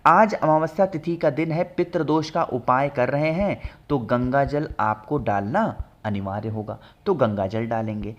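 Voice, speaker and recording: A man's voice: medium pitch, unhurried, few pauses, dull audio. A man explaining home ritual remedies in a chatty instructional talk, often checking in with viewers. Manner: chatty, repeats "ठीक है ना", addresses viewers directly. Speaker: astrology remedies presenter. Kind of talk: instructional talk with product pitch.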